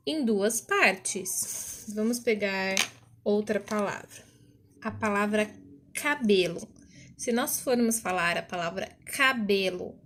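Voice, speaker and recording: A young Brazilian woman teaching a recorded class to children, speaking slowly and patiently and sounding words out syllable by syllable. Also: medium pitch, slight background noise. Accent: Brazilian Portuguese. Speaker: primary school teacher.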